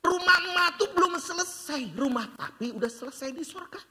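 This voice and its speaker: Older male pastor with a bright, lively voice. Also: fairly quick. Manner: switches between loud bursts and hushed low passages; mixes in English phrases, storytelling. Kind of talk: sermon.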